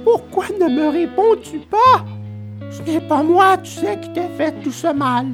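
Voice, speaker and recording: Pinocchio, a high wailing puppet boy. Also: expressive, a little slow, fairly bright tone, faint music behind, exaggerated voice. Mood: desperate sobbing. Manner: wailing, pleading, sobbing. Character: wooden puppet boy, stubborn, terrified.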